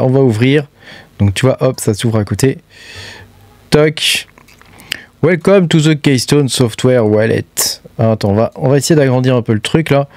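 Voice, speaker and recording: A man's voice: medium pitch, darkish tone, no room sound. A man giving a casual hands-on review of a gadget, talking loosely with many fillers and repeated tag words. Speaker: crypto hardware reviewer.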